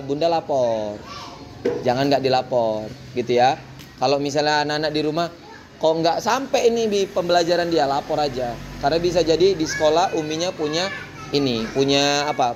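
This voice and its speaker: A man, a kindergarten teacher giving a lively talk to parents and often addressing the mothers. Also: on the high side, background noise. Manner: animated, mimics children's voices, keeps addressing the mothers.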